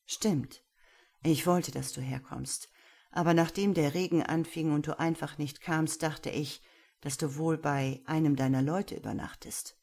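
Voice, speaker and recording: Woman reading as a cool older guy, slow and teasing, low husky voice. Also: fairly even intonation, darkish tone, exaggerated voice. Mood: calm. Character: calm, mocking older man, self-assured.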